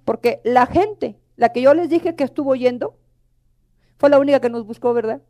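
A middle-aged woman preacher delivering an emotional, pleading sermon. Her voice sits high, with a warm, mellow tone. She keeps turning to the congregation as brothers and sisters. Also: normal speed.

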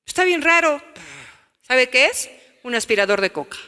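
A woman's voice: sits high, animated, normal speed, bright, forceful tone, clear, resonant tone, in a large hall. A woman preacher voicing a sulky teenage boy who brushes off his mother, in a Mexican accent, mumbling and dismissive. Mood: defensive. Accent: Mexican Spanish.

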